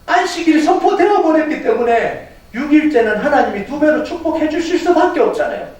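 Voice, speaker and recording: Male pastor, high and animated, preaching in a very echoey sanctuary. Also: fairly quick. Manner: animated, talks straight to the congregation with rhetorical questions; chuckles through his points. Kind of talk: Sunday sermon. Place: church sanctuary. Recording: echoey hall heard from a distance.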